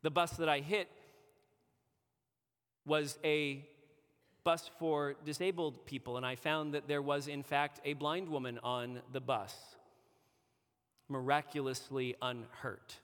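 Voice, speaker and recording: A male preacher with a fairly high voice tells a personal story within a sermon, speaking with earnest conviction. His words ring out with a long reverb, as if from a church sanctuary. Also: little pitch movement, slow pace, long pauses, fairly bright tone, smooth.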